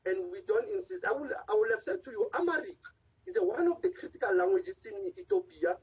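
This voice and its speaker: Over a video call with dull lo-fi audio, a man with an extremely high, gravelly voice appears as a guest in a remote news interview. An Africa analyst and advocate, he talks animatedly and a little fast, arguing impassioned points in long, run-on stretches.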